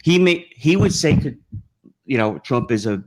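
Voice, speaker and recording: A male podcast host chatting casually at a medium pitch. He rambles through his opinions, restarts his sentences often and swears freely. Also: animated, normal speed, a little mellow. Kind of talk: casual chat.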